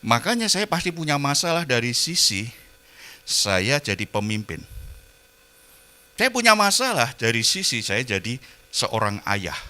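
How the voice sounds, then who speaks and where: A middle-aged pastor, preaching a sermon in a folksy, storytelling way that moves between loud emphatic peaks and soft asides. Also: male voice, medium pitch, big pitch swings, a little slow, long pauses.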